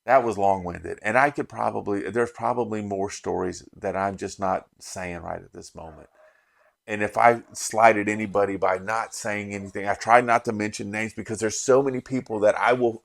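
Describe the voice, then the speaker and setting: A man's voice: lowish voice, fairly even intonation, moderate pace, gravelly. A middle-aged man from Las Vegas hosting a bourbon channel, recapping an event in a rambling, heartfelt way that often restarts his sentences. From Las Vegas, USA. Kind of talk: casual vlog recap.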